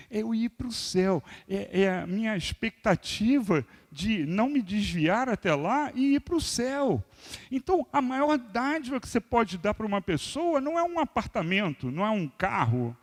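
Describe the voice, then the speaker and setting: A man in his sixties preaching a sermon as pastor, moving between loud emphasis and quiet asides. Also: high voice. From Brazil. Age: 60s. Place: church hall. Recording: long reverb of a large church hall.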